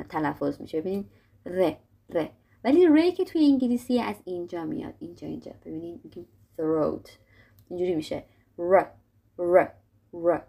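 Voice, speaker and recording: A young woman teaching a casual video lesson, talking to viewers in a friendly way and sounding out letters slowly. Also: medium pitch, creaky, darkish tone. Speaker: English teacher.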